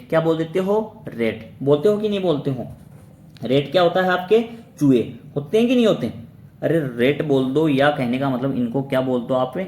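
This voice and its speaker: A man's voice: a little high, a little mellow. A man teaching exam-prep vocabulary who keeps asking his own questions, answering them and spelling words out letter by letter. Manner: asks and answers his own questions, repeating each word. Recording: roomy echo with faint background noise.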